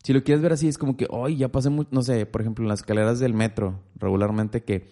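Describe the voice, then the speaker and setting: Casting: man, animated storyteller, warm low-key tone, casual faith talk. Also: quick pace. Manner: animated storyteller, acts out quotes.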